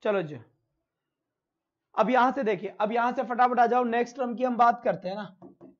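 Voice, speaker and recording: A man's voice: very high voice, moderate pace, muffled recording. A male teacher giving a live online lesson, who asks his own questions, answers them himself, and calls his students "beta".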